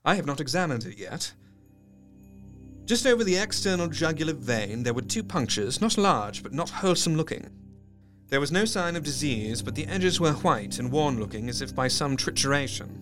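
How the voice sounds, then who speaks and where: An actor playing an earnest, observant male doctor narrating his diary in an audio drama, articulate and measured. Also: on the high side, big pitch swings, music in the background. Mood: puzzled, analytical. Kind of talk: scripted first-person narration, audio drama.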